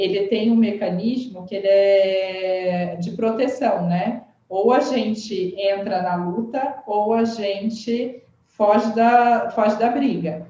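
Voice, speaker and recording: Animated woman in a very echoey room. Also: mid-range voice. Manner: animated, frequent "né?" tags. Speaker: communication expert guest. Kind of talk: explanatory conversation. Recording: very echoey dull-sounding room.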